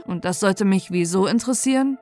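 A woman's voice: mid-range voice, fairly quick, darkish tone, soft background music, close to an everyday voice. A woman reading out the chat lines of a crude, threatening teenage boy, in a blunt, bullying way.

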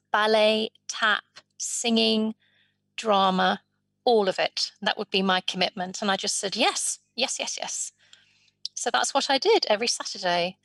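A woman voicing a guest's life story in an interview, in measured, drawn-out phrases. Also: mid-range voice, a bit bright, no room sound.

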